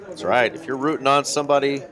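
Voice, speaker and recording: A man giving relaxed, chatty color commentary on a live poker stream, reading out viewer comments. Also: mid-range voice, fast talker. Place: poker card room broadcast desk.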